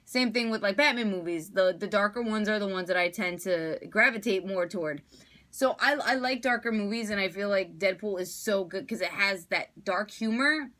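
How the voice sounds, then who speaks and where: A woman's voice: medium pitch, normal speed, a bit bright. A woman giving a casual, enthusiastic spoken movie review, chatty and full of fillers.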